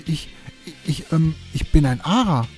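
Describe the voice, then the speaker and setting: A man's voice: fairly high pitch, expressive, measured pace, soft background music, voice pushed up. A man voicing a small, polite male macaw parrot who stammers shyly in a storybook tale. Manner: hesitant, stammering.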